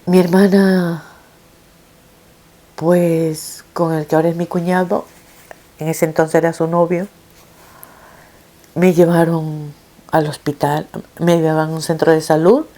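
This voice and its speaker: A middle-aged woman, a mother, telling her viewers a painful personal story in an emotional, halting way, with frequent restarts. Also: low voice, flat delivery, mellow. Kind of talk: personal testimony told to viewers.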